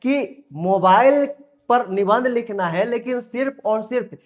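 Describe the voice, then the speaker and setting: Male teacher, high voice, patient repetitive explaining, muffled lo-fi recording. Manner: repeats phrases, reads examples slowly word by word. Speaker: Hindi grammar teacher. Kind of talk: classroom lesson explanation.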